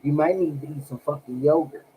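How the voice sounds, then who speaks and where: A woman's voice: sits low, fairly quick, warm tone, slight background noise, poor audio. A woman chatting casually on a livestream as a tarot reader, blunt and profane, talking straight to her viewers. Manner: blunt and profane, talks to chat directly.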